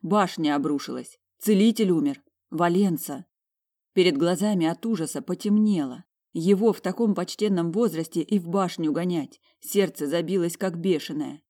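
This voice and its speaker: A woman with a fairly low voice narrates a first-person story as an audiobook. Her reading is emotional and inward, and she leans into the narrator's feelings. The delivery stays steady and measured.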